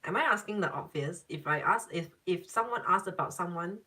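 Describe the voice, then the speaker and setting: A woman's voice: fairly low pitch, expressive, brisk, pushed and bright, far from the mic. Chatty psychic woman, a bit off-mic. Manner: repetitive, laughing, emphatic and chatty. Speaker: tarot and psychic reader answering live viewers. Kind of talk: casual live-stream reading.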